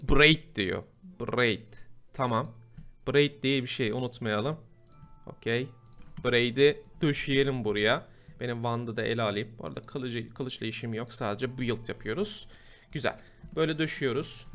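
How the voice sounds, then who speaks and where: A man giving casual gameplay commentary, chatty and prone to loud, exasperated outbursts. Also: mid-range voice, normal speed, soft background music. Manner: chatty, bursts into loud exasperated shouting at mobs. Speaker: gameplay host. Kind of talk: casual Minecraft let's play commentary.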